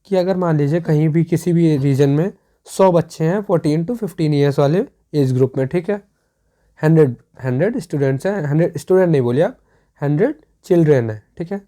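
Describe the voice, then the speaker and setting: A teacher giving a step-by-step exam revision lesson. The teacher often pauses to check that students follow. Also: mid-range voice, dark tone. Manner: explains step by step with many checks for understanding.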